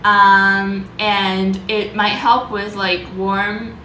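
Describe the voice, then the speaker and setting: A woman vlogger talking informally about her own experience, loosely worded and pausing to search for words. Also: mid-range voice, flat delivery, sharp tone, reverberant, a little hiss or hum, rough recording. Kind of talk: casual vlog talk, sharing personal experience and tips.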